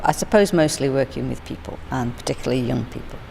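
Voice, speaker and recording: Woman, manager, measured, vox pop, very low pitch, faint background noise. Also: vocal fry, warm tone. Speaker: venue manager.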